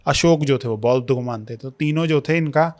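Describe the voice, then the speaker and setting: This young adult man is a history scholar who talks at length during a podcast interview, blending English terms into his Hindi. He speaks briskly in a mid-range voice.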